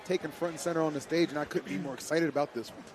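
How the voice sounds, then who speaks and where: A man's voice: on the high side, fairly even intonation, rapid-fire, crowd noise. A man hosting live fight commentary in a casual play-by-play style. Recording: loud music behind the commentary.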